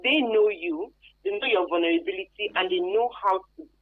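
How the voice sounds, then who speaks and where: A woman with a Nigerian accent, a guest expert on human trafficking, explains things emphatically and conversationally in a radio interview, using local Pidgin tags. She speaks in a mid-range voice, a little fast. The sound is thin, band-limited and phone-like.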